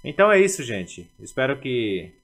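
A man teaching a language lesson, repeating words slowly and carefully to drill their pronunciation. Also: medium pitch, sing-song, fairly bright tone.

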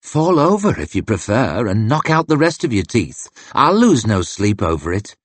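A man's voice: on the low side, very animated, normal speed, no echo. A male narrator voicing a blunt young woman with a dry, mocking manner. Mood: sardonic.

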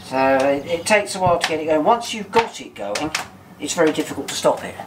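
A man's voice: on the high side, expressive, fairly quick. An older man, a volunteer boat engineer, explaining in a practical, chatty way as he works. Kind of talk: explaining while working. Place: engine room of a steam tug, indoors. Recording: noisy engine room recording.

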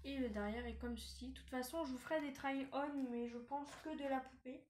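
A woman's voice: sits high, normal speed, a little mellow. A woman chatting casually through a review of a collectible doll magazine, hesitant with many fillers and restarts. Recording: echoey room, faint noise.

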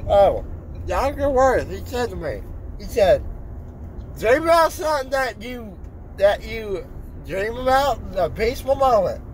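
Groggy, high-voiced teenage boy after wisdom teeth surgery. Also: sing-song, measured pace. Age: teenager, fifteen. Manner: insistent, repetitive, unfiltered. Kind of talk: rambling casual chat. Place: inside a car. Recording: noisy car interior.

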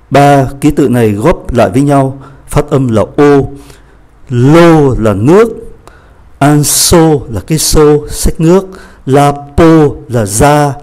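A man teaching French pronunciation in a language lesson, saying example words slowly and clearly before explaining them at a quicker pace. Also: fairly high pitch, darkish tone.

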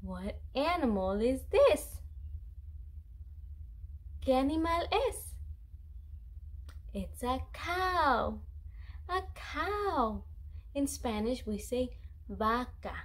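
A woman's voice: sits high, big pitch swings, very slow, pauses often. A woman in her thirties giving a simple children's language lesson, encouraging as if talking to a toddler. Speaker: bilingual teacher for toddlers. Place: small room indoors.

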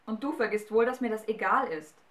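Galatea, von einer Frau gesprochenes trotziges Hexenmädchen. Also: female voice, fairly high pitch, expressive, brisk, reverberant, lightly acted. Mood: spöttisch. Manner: snappy, sarcastic. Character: defiant half-witch girl, centuries old, sharp-tongued.

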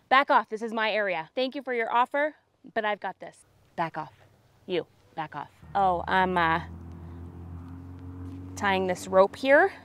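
A woman in her thirties performing a comic camping sketch outdoors with a lapel mic, chatty and dramatic, swinging from hushed asides to excited bursts. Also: mid-range voice, slight background noise. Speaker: comedy sketch host. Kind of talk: comedic sketch monologue to camera. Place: forest campsite outdoors.

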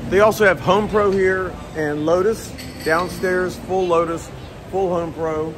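Music plays under a middle-aged man's voice, which sits high with a steady tone and measured pace. He's a travel vlogger filming himself at arm's length on a handheld camera, outdoors in a village and inside a shopping mall, chatting and rambling with frequent laughs and restarts.

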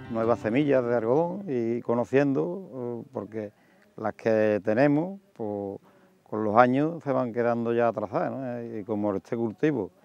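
A man's voice: mid-range voice, creaky, darkish tone. A middle-aged man, a farmer, speaking hesitantly and plainly in a field interview outdoors. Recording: dull dry lo-fi sound.

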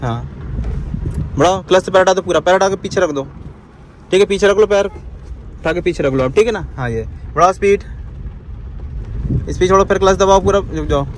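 A high-voiced man teaches driving from the passenger seat, repeating each instruction and checking in with a quick "okay" after it. The faint hum of the car and the street sits behind his voice. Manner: instructive, repeats commands, tags lines with "ठीक है". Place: inside a car on the road.

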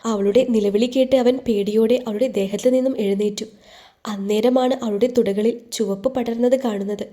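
A woman narrating a romance audio story in a calm, even, intimate way as a scripted voice-over. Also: mid-range voice, moderate pace.

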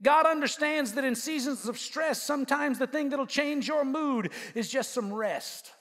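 A man's voice: extremely high pitch, a little slow, a bit bright. A male pastor preaching an emphatic sermon with humorous asides and call-and-response to his congregation. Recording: long reverb of a large hall.

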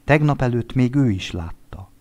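A man narrating a literary short story, reading in a measured, expressive way. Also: mid-range voice. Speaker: audiobook narrator.

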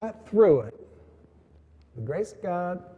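A man's voice: sits high, sing-song, takes it slowly, breathy edge, lo-fi sound. A man giving a motivational keynote, telling a story with emphatic lines and quoted dialogue. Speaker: keynote speaker. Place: large conference hall. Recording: long hall reverb from a venue PA.

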